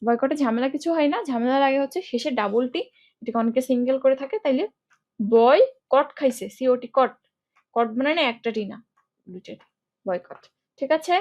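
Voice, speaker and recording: A woman's voice: high voice, quick pace, a little mellow. A young woman teaching an English spelling class in a chatty, playful way, quizzing students and using mnemonics.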